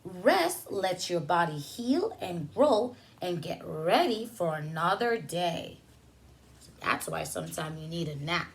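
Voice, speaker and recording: Reading a picture book to little kids, this woman teaches preschool and breaks off for easy explanations and questions directed at the children. She speaks in a lowish, sing-song voice.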